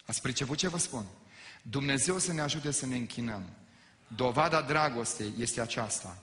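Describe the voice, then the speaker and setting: A man's voice: mid-range voice, fairly bright tone. A man preaching to a congregation in a large hall, impassioned, asking the listeners questions and making joking asides. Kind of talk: sermon. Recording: echoey hall with long reverb.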